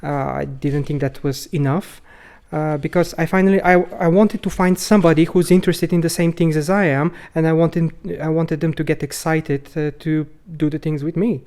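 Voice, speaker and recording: A man from Bulgaria, speaking as a podcast guest in a hesitant, halting way with many filler sounds. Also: fairly high pitch, fairly even intonation, darkish tone. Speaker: podcast guest, rope bondage instructor. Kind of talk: casual conversational interview.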